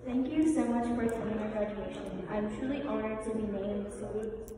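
A woman's voice: medium pitch, fairly quick. A young woman in her late teens practicing a prepared graduation speech as a student speaker. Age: late teens, young adult. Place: large echoing school hall. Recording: echoey hall from far off, crowd chatter.

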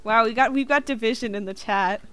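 Giggly high-voiced young woman streamer. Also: fairly quick, fairly bright tone, smooth, soft background music. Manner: giggly, reads chat aloud. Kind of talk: casual gaming stream chat.

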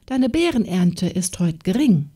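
A woman's voice: on the low side, very animated, measured pace, dark tone, husky, distant mic, heavily acted. Woman putting on a scolding farm wife. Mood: scornful. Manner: scolding, mocking. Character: harsh, scornful middle-aged farm wife. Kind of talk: fairy tale audiobook reading.

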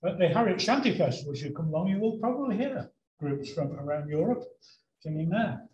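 Male speaker, high pitch, chatty Q&A answers, ums and laughs, echoey room. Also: animated, brisk, darkish tone, lo-fi sound. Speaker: guest speaker on sea shanties. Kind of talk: answering audience questions. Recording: roomy echo.

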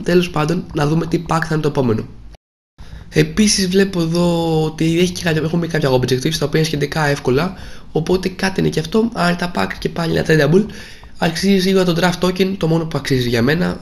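A young man casually commenting on a video game, grumbling and disappointed, his voice a little hoarse. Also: on the high side. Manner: grumbling, disappointed, repeats himself. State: slightly hoarse. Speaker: gaming video creator.

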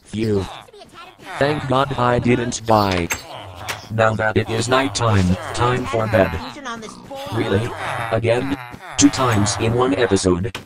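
A man's voice: lowish voice, takes it slowly, pauses often, music in the background, voice pushed up. A man voicing a bewildered young game character who talks in a puzzled drawl. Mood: confused.

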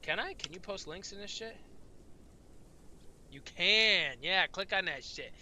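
A man's voice: high-pitched, lively intonation, measured pace, background noise. A man live-streaming a game, chatting loosely with viewers, swearing often and sounding tired. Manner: profane, rambling, talks to chat. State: tired, yawning. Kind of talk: casual live-stream commentary.

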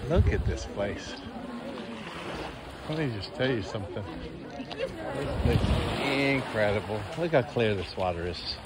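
A man narrating a walking tour of a beach for his travel vlog, easygoing and chuckling, marveling at the view. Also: lowish voice. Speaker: travel vlogger. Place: outdoors on a tropical beach. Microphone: phone camera held while walking. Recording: outdoor wind and water noise.

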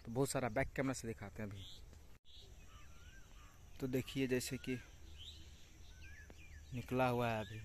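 Out in the farm fields, a young Bihari vlogger narrates a tour into his handheld phone, pausing often as he repeatedly points things out and explains them. His mid-range voice is steady and measured, with outdoor rural noise clearly in the background.

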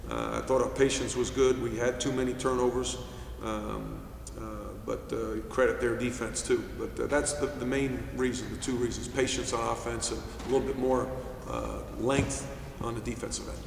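A middle-aged man from New York, a basketball head coach answering postgame questions at a press table in a measured way, with many fillers and restarts. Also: mid-range voice, gravelly. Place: press room, seated at table. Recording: echoey room, distant mic, faint hiss.

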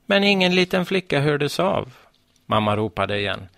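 A man calmly reading a children's story aloud as narrator. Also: on the high side, creaky, no echo, clean studio sound. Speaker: story reader.

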